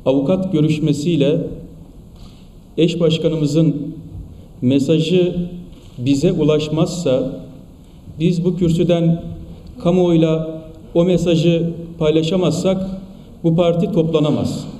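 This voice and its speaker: A male politician giving an emphatic, rhetorical speech at a podium microphone to a party meeting, with repeated phrases and pauses. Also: on the high side, steady tone, warm tone. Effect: speaking at a podium microphone in a large hall. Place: large meeting hall in parliament. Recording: echoey hall, distant mic.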